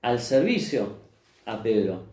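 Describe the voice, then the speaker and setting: A man's voice: fairly low pitch, very animated, takes it slowly, a little mellow, roomy sound. A man with a Rioplatense Spanish accent preaching a sermon as pastor, often putting questions to the congregation and answering them himself. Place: church hall.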